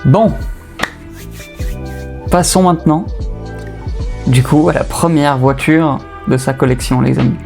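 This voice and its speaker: A man's voice: on the high side, slow, gravelly, pauses often, darkish tone. Young Frenchman, slangy car chatter. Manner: slangy and joking, with filler hesitations. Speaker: car channel host. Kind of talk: casual voice-over commentary. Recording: faint music bed behind voice. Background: faint lofi music.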